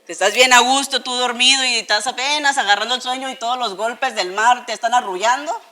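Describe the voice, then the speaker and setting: A woman with a northern Mexican accent tells a Bible story to children in a lively, playful way. Her voice sits fairly high and sounds bright and clear. She keeps asking her listeners questions as she goes. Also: a little fast. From Tijuana, Mexico. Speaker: children's church teacher. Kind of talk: lively Bible lesson sermon.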